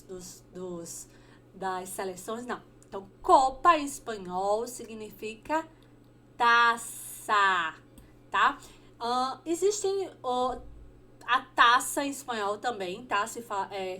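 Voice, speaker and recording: A Brazilian woman teaching a Spanish lesson, repeating each word slowly and checking in with short questions. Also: fairly high pitch, sharp tone. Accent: Brazilian Portuguese. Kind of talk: online language lesson.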